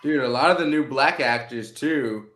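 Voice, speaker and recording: A man's voice: medium pitch, moderate pace, background noise. Young man in an echoey room. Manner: relaxed, slangy, enthusiastic recommending. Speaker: panel guest. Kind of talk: casual chat. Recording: roomy echo.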